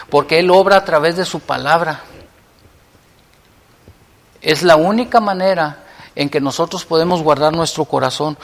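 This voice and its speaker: A man, preaching a sermon as pastor, moving between loud appeals and hushed prayer. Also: a little high, long reverb tail.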